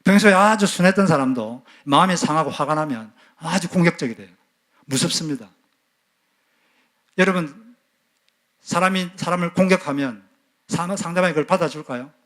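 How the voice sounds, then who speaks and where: Male pastor, sermon delivery, slightly high-pitched, questions put to the congregation. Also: moderate pace, pauses often, a bit bright. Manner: asks the congregation questions and acts out quoted scolding.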